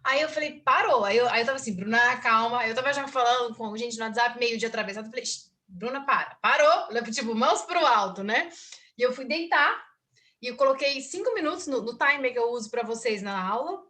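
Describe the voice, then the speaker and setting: Woman host, slightly high and bright, chatty and expressive, quotes her own thoughts aloud. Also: a little fast. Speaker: book circle host and teacher. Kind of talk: casual group discussion.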